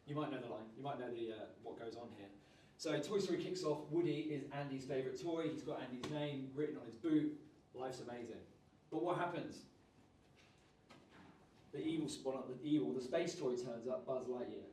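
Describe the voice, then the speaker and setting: A man, leading a lively public speaking workshop and raising and dropping his energy on purpose. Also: medium pitch, moderate pace, a little hiss or hum. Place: large room at a live workshop. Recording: roomy sound, voice from far off.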